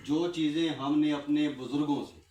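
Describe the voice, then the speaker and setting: A man speaking to a class of trainees in a fervent, repetitive way, firing questions at the room and answering them himself. His voice sits a little high and reaches the mic from across an echoey room. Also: fairly even intonation, a little mellow, distant mic. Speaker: guest speaker addressing trainees. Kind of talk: impassioned classroom talk.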